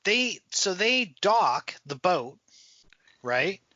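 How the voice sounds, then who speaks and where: Animated, swearing man on a podcast. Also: sits high, drawn-out words, dry recording, lo-fi sound. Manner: profane, animated storytelling with voiced sound effects. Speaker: podcast guest. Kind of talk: casual chat about a film.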